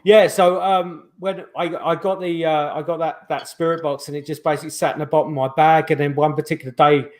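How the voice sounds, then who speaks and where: This middle-aged man's voice sits on the high side, with fairly even intonation, a fairly quick pace and few pauses. As a guest paranormal investigator on a video call, captured by the call's microphone, he rambles through stories with many restarts and fillers.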